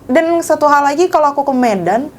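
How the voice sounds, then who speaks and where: A woman's voice: high-pitched, lively intonation, brisk. A young woman, a pageant titleholder, chatting casually as a guest, giggling often and filling her talk with little fillers. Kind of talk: casual chat.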